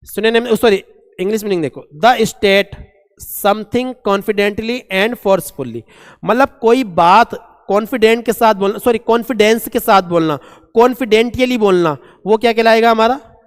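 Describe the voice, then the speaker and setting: A man teaching a vocabulary lesson, asking and answering his own questions and reading English examples out slowly. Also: sits high. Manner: asks and answers his own questions, calls students "beta". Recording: long echoing reverb.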